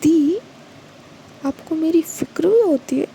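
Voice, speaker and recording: A woman's voice: high-pitched, lively intonation, unhurried, dark tone, a little hiss or hum, rough recording. A woman voicing Vrinda, a caring young woman who reassures and teases her sister, in a storybook reading. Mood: reassuring. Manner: reassuring and playful.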